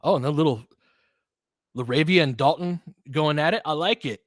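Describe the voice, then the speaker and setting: Pitched on the high side and speaking at a moderate pace, a male commentator hosts partisan live basketball coverage. The studio-quality audio has no echo, and his commentary comes in quick, informal fragments full of emotional reactions to the action.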